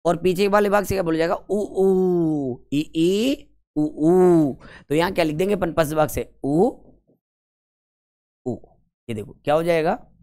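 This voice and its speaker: Man teaching, sounding out vowels. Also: a little high. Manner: quizzes listeners and answers his own questions; sounds out vowels slowly to demonstrate. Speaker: Hindi grammar teacher. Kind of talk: exam-prep grammar lesson.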